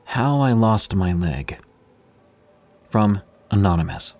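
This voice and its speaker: A man's voice: fairly low pitch, animated, slow pace, darkish tone. A man hosting and narrating scripted horror stories with a dramatic storyteller's delivery. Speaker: horror podcast host and narrator.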